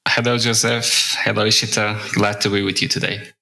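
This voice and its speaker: A man with a Turkish accent, a native Turkish speaker, talking as a podcast guest in a friendly, measured way. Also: fairly low pitch, level tone, creaky, pushed and bright, low-quality recording. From Turkey. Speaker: guest, intercultural communication teacher. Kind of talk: podcast conversation.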